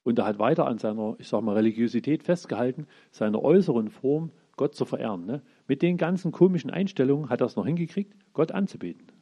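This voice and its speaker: Guy preaching casually, voice swings up and down a lot, kinda husky. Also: mid-range voice, fast talker, lo-fi sound. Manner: lively, acts out the characters' lines in everyday speech. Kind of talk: informal sermon retelling Bible stories.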